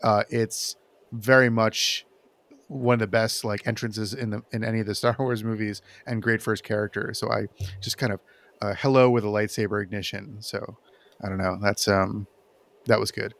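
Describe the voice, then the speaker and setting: A man's voice: fairly low pitch, fairly even intonation, normal speed, creaky, a bit bright. A man chatting casually about film as a podcast panelist, with an enthusiastic, rambling delivery.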